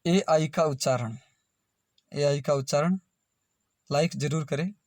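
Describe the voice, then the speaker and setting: Male pronunciation tutor, fairly high voice, very slow and deliberate, spells each word out before saying it. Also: a little mellow, dry recording, studio quality. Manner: spells words letter by letter, then says them slowly. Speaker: English pronunciation teacher.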